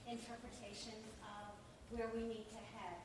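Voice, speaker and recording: Older lady asking a heartfelt question from the floor, highish voice, far off in an echoey hall. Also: level tone, normal speed. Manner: earnest, heartfelt. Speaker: audience member. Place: event hall with an audience. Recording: echoey hall, distant and noisy.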